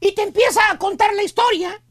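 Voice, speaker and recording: A woman with a Mexican accent telling an animated comic story on a radio talk show, exclaiming and acting out the people in it. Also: very high voice, fairly quick. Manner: animated, exclamatory, acts out quoted characters.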